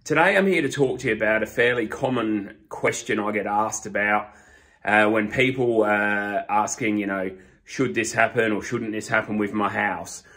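A master plumber with a fairly low, fairly bright voice explains things step by step to a camera positioned close in front of him. He speaks slowly and deliberately, holding up pipe fittings as he goes. He's indoors in a small storeroom lined with shelves.

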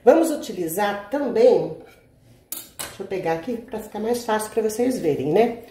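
A woman's voice: medium pitch, expressive, moderate pace, dark tone. Chatty woman cooking in an echoey kitchen. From Brazil. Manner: chatty, asks "tá?" constantly, addresses viewers as "gente". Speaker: cooking channel host. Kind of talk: casual cooking tutorial. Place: home kitchen, indoors. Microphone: camera mic, speaker off-camera.

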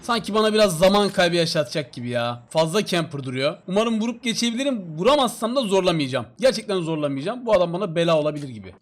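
A man commentating his own mobile shooter gameplay live to viewers, hoarse from shouting, talking casually with sudden excited yelps and repeated calls. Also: high voice, fast talker, few pauses, slight background noise. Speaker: mobile shooter game streamer.

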